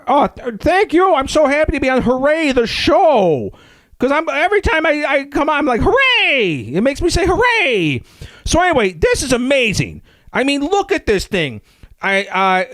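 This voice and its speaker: A man doing an excitable local. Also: very high voice, no room sound, clean studio sound, heavily acted. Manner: rambling, gushing, easily excited, stumbling restarts. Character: excitable rambling nostalgic local Scranton guy, middle-aged man. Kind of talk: comedic character review.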